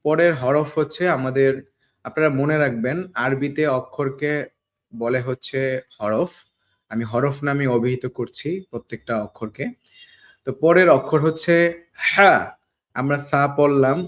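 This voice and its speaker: A man teaching Quran pronunciation, drilling each Arabic letter sound over and over and asking his learners questions he answers himself. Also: mid-range voice. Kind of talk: slow pronunciation lesson. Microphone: camera facing the teacher.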